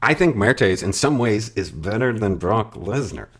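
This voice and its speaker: A man's voice: on the low side, expressive, a little slow, over a noisy crowd. A man co-hosting a casual wrestling review podcast, enthusiastic and rambling. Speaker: podcast co-host.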